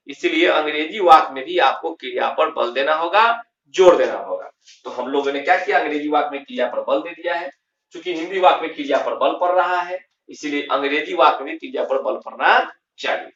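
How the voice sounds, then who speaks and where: A man's voice: a little high, a bit bright. Man teaching grammar, heard from afar. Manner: repeats key terms, slow and emphatic, asks and answers himself. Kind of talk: classroom lesson explaining grammar. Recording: roomy, distant, dull lo-fi sound.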